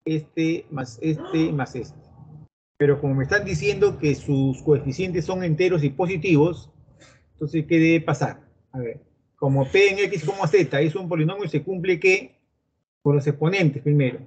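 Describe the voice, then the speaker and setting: A man's voice: on the high side, measured pace, a little mellow, slightly rough. A middle-aged man with a Peruvian Spanish accent teaching an online pre-university math class, chatting directly with his students. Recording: dull lo-fi audio with faint noise.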